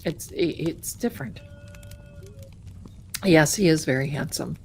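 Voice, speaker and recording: A chatty woman hosts a tarot live stream, rambling casually and calling her viewers "my darlings." Her voice is low and unhurried, with a slight hiss or hum in the background.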